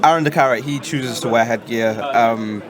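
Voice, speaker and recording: A man's voice: medium pitch, moderate pace. A man giving casual live boxing commentary as a fight commentator. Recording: loud crowd noise throughout. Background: loud event crowd.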